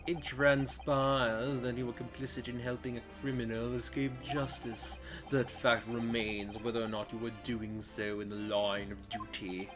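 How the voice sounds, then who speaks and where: A man voicing a stern older male judge in a courtroom video game, speaking formally and gravely. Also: medium pitch, flat delivery, measured pace, hardly any pauses, over music, close to an everyday voice.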